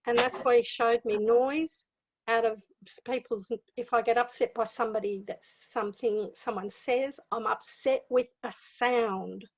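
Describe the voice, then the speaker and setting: Woman giving a spiritual talk, kinda high voice, repeats herself a lot, muffled lo-fi sound. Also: fairly even intonation, a little slow. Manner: conversational, repeats phrases for emphasis. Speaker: spiritual teacher. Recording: dull lo-fi sound.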